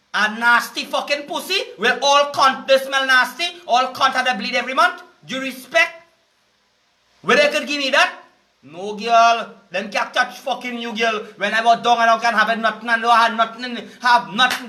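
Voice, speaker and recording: A man's voice: very high voice, sharp tone. A man with a Trinidadian accent delivering a heated, profanity-filled preaching rant, repeating himself as he goes. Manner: heated, cursing, repetitive. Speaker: vlogger.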